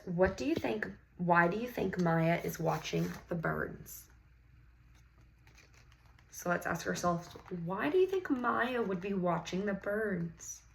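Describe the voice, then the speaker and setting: This is a woman teacher with a lowish voice and vocal fry, heard on a rough recording. She reads a picture book to young children with expressive, drawn-out key words, pausing for encouraging questions and praise in an interactive read-aloud.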